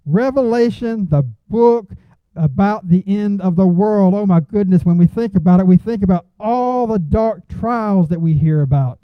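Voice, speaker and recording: A man's voice: high voice, normal speed, few pauses, no echo. Male preacher, earnest sermon delivery building to emphatic peaks; dry, close sound. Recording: tinny phone-like sound, dry.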